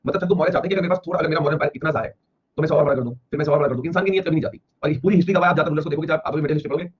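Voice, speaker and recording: This Indian history teacher talks fast in a slightly high, husky voice, going over points again and again and easing his pace only to read out English passages. His lecture switches between Hindi and English. It's captured as a dull, lo-fi classroom recording with a faint background ambience.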